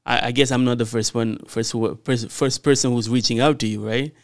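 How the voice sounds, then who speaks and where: A man from Quebec hosting a podcast, asking questions in a halting way with many restarts. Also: medium pitch, fairly even intonation. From Quebec, Canada. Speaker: podcast host, interviewer. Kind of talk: casual interview questions.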